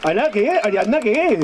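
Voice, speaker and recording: A man's voice: sits high, sing-song, takes it slowly, heavy background noise. A man working as a children's magician and entertainer, talking with playful, teasing patter and exaggerated exclamations. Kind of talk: lively show patter with children. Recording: outdoor event with crowd of children. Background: crowd of children.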